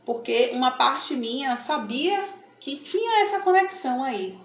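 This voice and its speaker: In a room at home with a plant and an altar, this middle-aged woman from Salvador explains her card readings to camera in a Bahian accent. Her voice is high-pitched with lively intonation and an unhurried pace, and she's chatty, frequently adding tag questions. The recording has echo and faint noise.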